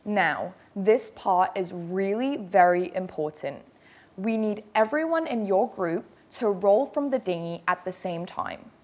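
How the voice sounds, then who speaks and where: A woman's voice: mid-range voice, expressive, a little slow, darkish tone. A woman delivers a safety briefing in a mid-range voice. She explains each point directly, stressing what matters while staying reassuring. It has the style of narration for an instructional video. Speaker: dive briefing presenter.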